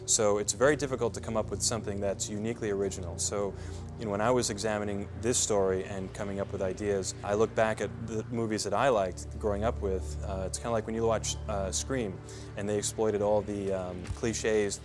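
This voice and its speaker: A man's voice: lowish voice, fairly even intonation, a little fast, music in the background. A man speaking as a film director in a behind-the-scenes interview, explaining his work in a reflective way.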